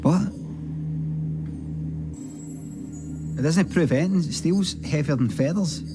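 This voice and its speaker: An actor with a broad Scottish accent playing an earnest, stubbornly confused man in a deadpan comedy sketch. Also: fairly high pitch, fairly quick, over music, natural voice. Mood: puzzled, stubborn. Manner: deadpan, puzzled.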